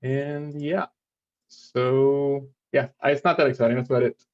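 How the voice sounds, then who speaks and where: A man's voice: mid-range voice, flat delivery, measured pace, muffled recording. A man student casually demoing his project, rambling with lots of fillers and offhand remarks.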